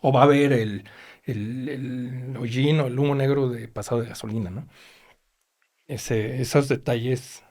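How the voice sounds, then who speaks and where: A man's voice: medium pitch, unhurried. A middle-aged man with a Mexican accent, a chief mechanic telling stories in a casual interview and acting out the lines of other people. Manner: animated, acts out quoted dialogue. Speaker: race team chief mechanic.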